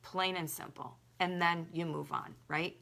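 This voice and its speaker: A woman's voice: lowish voice, a little slow, vocal fry, sharp tone. A young adult woman, a holistic health coach, talking casually and emphatically, with lots of "like" in her speech. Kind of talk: casual direct-to-camera talk.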